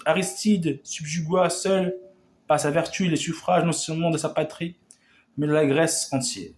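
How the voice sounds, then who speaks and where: A man's voice: fairly high pitch, fairly even intonation, moderate pace, a little mellow. A man declaiming a historic revolutionary speech in an oratorical manner, often stumbling and restarting his words.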